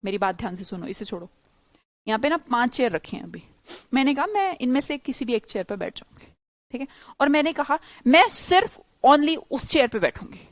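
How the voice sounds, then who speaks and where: Indian lady teaching grammar live, keeps quizzing students, bit high pitched, dry sound. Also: brisk, dry recording. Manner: lively, teasing questions to students, repeats points. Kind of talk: live online class, explaining in Hindi.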